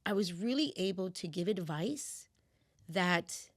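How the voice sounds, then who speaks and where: She's a guest on a casual interview: a women's empowerment coach born to Cuban parents in the US, with Spanish as her mother tongue. Her voice sits on the low side and runs a little slow as she animatedly relives her story, imitating her earlier self. The studio sound is dry and clean.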